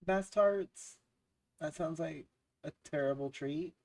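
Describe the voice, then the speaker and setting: A game streamer getting over a cold sounds sniffly as he chats live with viewers, crude, profane and playful, laughing often and reading chat aloud. His mid-range voice is slow and a little mellow, recorded slightly off-mic and far away, with no echo.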